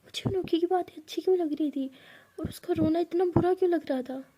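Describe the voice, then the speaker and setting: A flustered young woman talks her way out of her own feelings, as a storyteller puts her on. The voice is high and mellow, quick to deny and uneasy. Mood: confused. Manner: flustered, defensive.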